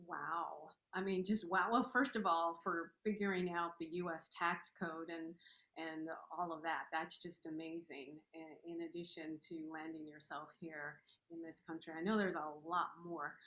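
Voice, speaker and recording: A woman's voice: low-pitched, steady tone, normal speed, fairly bright tone. A woman hosting an interview in an effusive, encouraging, conversational way, recorded with a roomy echo. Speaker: interview host. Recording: roomy, echoing sound.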